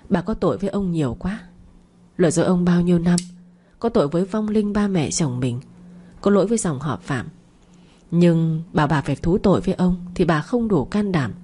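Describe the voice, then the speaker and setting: Husky-voiced woman narrating a somber tale. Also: on the low side, dark tone. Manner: dramatic, somber storytelling. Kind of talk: scripted audio story narration.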